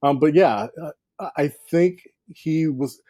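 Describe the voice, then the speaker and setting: A man's voice: on the high side, a little slow, warm tone, no room sound, studio quality. A man who tells a long story in casual chat, rambling with many fillers and restarts, often laughing. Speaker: podcast guest.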